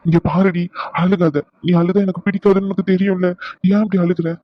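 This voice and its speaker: A man's voice: high voice, flat delivery, a little fast, lo-fi sound, lightly acted. A man voicing a young husband in a cartoon drama, coaxing and pleading with his wife.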